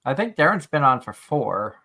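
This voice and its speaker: A man with a bright, forceful voice and medium pitch hosts a casual stream. He chats and relays viewer comments conversationally. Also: very animated, normal speed, creaky. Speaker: stream show host.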